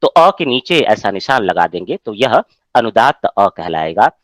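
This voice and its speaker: A male teacher holds a Sanskrit class over a video call, his pitch rising and falling animatedly as he explains. He keeps pausing to ask whether everyone has understood. The sound is close and dry. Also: very animated, dry recording. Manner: explains patiently, checks with students often. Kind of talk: online class lecture.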